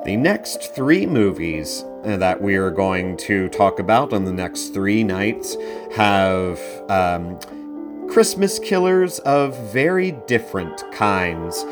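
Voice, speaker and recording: A man hosting a casual film review podcast, talking conversationally and leaning into his recommendations with emphasis. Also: lowish voice. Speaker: podcast host.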